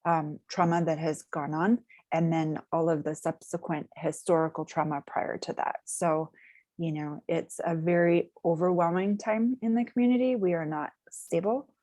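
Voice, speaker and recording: A woman with a low, deep voice answers interview questions for a community agency. She talks in measured, jargon-heavy phrases and leans on plenty of filler words. The sound is dry and close, with no room echo. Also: fairly even intonation, dark tone.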